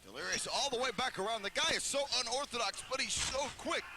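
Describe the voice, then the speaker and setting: A man giving excitable play-by-play wrestling commentary, calling moves in clipped phrases. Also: very high-pitched, fast, background noise.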